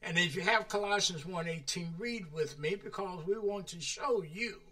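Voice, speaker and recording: A man teaching the Bible like a preacher, talking about himself in the third person and drawing out the scripture words slowly. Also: high-pitched, sharp tone, rough recording. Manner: slow, drawn-out emphasis on scripture. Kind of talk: radio-style Bible teaching.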